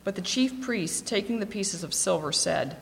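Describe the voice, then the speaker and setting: A woman's voice: mid-range voice, animated, normal speed, creaky. A woman reading scripture in a long echo. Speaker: scripture reader. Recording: long echoing reverb.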